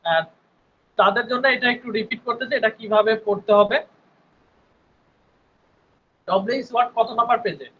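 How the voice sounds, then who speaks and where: A man's voice: sits high, fast talker, phone-quality sound. A male English teacher giving an online spoken English class, patiently repeating words and often checking in with his students.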